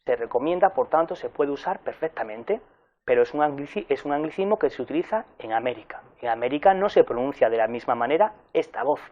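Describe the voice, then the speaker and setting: A man giving a recorded university lecture in an explanatory way, pausing with fillers and correcting himself as he goes. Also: mid-range voice, expressive, lo-fi sound.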